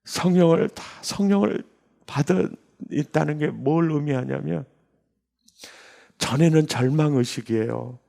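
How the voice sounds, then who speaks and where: Older pastor guy in his 60s telling his story from the pulpit, low warm gravelly voice, gets worked up and jumps high. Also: unhurried. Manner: emotional storytelling with sudden high bursts. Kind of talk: testimony sermon. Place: church sanctuary.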